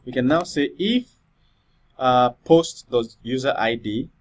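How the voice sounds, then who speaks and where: A man's voice: medium pitch, expressive, measured pace. A man giving a screen-recorded coding tutorial, thinking aloud with many fillers and checking in with "all right?".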